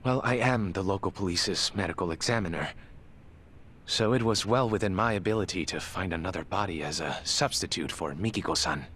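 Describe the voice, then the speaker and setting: In a video game drama, an actor with a deep, somewhat bright voice plays a formal, guarded male medical examiner who chooses his words carefully. He sounds composed, with measured diction that falters when he is pressed. Music plays behind him, along with a little hiss or hum.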